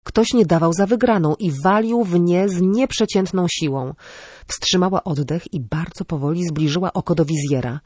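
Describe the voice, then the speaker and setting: Audiobook narrator woman, steady, dry booth. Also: lowish voice, normal speed, slightly rough, dry recording. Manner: steady storytelling. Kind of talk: scripted narration.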